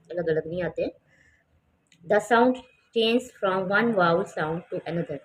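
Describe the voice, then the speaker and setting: A woman teaching a children's English lesson, reading English lines slowly and explaining each step with repeated words. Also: on the low side, a little mellow, poor audio. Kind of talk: home tutoring lesson.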